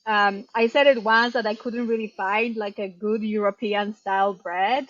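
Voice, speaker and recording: A woman's voice: mid-range voice, steady tone, moderate pace, no room sound, muffled recording. Polish-raised woman telling her story, dry sound. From Poland. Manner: chatty, warm storytelling with frequent ums and light laughs. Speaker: bakery owner and head baker, guest. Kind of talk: casual interview answers.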